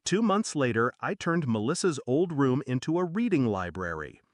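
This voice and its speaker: An older man narrating a first-person story in measured, dramatic short phrases. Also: mid-range voice, very animated, dry recording, studio quality.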